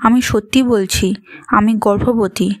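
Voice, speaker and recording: A woman's voice: mid-range voice, steady tone, takes it slowly, darkish tone, no room sound, clean studio sound. A woman voicing a scheming young empress who pleads tearfully and desperately. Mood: pleading.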